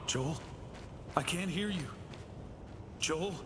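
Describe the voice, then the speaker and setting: A man's voice: on the high side, slow, very noisy. An actor playing a worried young man stranded in snowy wilderness in a video game.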